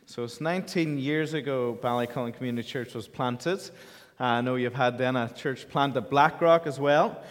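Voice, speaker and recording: A pastor from County Donegal, Ireland, with a Donegal accent, preaches an informal, conversational sermon. His mid-range voice keeps a normal speed, and the echoey church hall leaves a long reverb.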